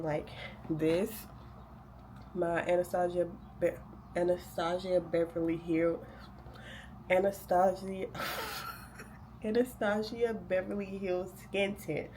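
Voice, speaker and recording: Unhurried and pausing often, a young woman speaks in a lowish, darkish voice with fairly even intonation over slight background noise. She's a vlogger and graduate student rambling casually through her day as she gets ready to study, sounding nasal from a cold and using many fillers.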